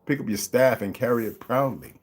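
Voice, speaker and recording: This channel host talks fairly quickly in an animated, slightly rough mid-range voice. His monologue is casual and opinionated, with emphatic jabs of mockery, and he lists numbers out loud while urging the audience to keep up.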